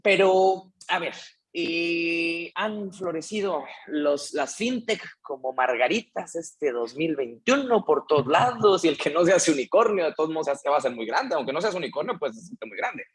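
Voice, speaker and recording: A man's voice: a little high, expressive, moderate pace, breathy edge. A Mexican man hosting a podcast, chatting casually and asking long, enthusiastic questions. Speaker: podcast host.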